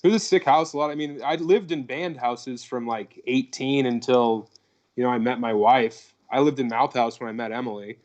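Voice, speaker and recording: Speaking at a moderate pace in a slightly mellow mid-range voice, this Coloradan comedian in his thirties rambles profanely through a casual podcast chat over video call, peppering his talk with "like" and "dude." The recording has its highs cut off.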